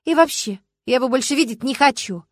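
A woman's voice: sits high, animated, brisk, dry recording, voice pushed up. A bitter, indignant woman brushing off her troubled brother, as a female audiobook reader puts her on, in a slightly raised voice. She sounds dismissive and curt. The recording is dry and close, with no room sound.

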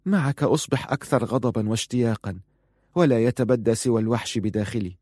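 A man's voice: mid-range voice, fast talker, dark tone, no echo, natural voice. A bold, clever young wife speaks with teasing confidence in a dry, close audiobook recording , voiced by a man. She stays sure of herself and a touch playful. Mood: soft.

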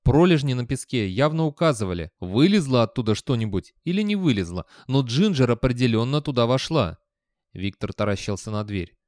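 A man narrating a comic fantasy audiobook at a mid pitch, reading in a measured, expressive way. The sound is dry and close, with no room around it. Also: dry recording. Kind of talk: scripted narration.

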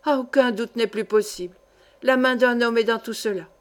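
A woman's voice: a little high, fairly even intonation, normal speed, natural voice. A woman reading the part of a young miner, speaking earnestly and emphatically. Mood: emphatic.

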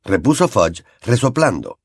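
A man reading a novel aloud with expressive storytelling. His voice is low-set and lively with a slightly husky grain, recorded close and dry. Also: unhurried, dry recording. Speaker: audiobook narrator. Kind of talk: scripted narration.

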